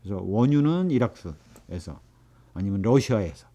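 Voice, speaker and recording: A man's voice: lowish voice, sing-song, normal speed, dark tone, dull audio. A man giving a recorded economics lecture, explaining at length with frequent fillers and self-corrections.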